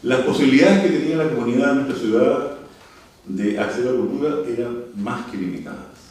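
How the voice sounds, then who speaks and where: Speaking at a cultural forum, this university leader from Santiago, Chile, aged 60 or older, reads a formal speech with asides, deliberate and emphatic, pausing between phrases. His medium-pitched, slightly mellow voice has lively intonation. A distant mic in a very reverberant indoor venue picks him up along with faint noise.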